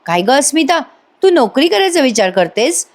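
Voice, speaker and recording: A woman reads out a middle-aged father calmly reassuring his daughter, gentle and steady. She barely changes her own voice for him. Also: high-pitched, moderate pace, pitched above the performer's own voice. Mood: soothing.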